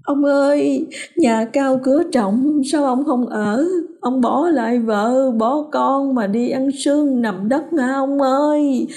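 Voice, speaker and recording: A woman's voice: mid-range voice, expressive, normal speed, mellow, natural voice. A woman voicing a cruel, scheming old mother who wails and snarls in a storybook tale. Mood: wailing grief. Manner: wailing, then snarling and spiteful.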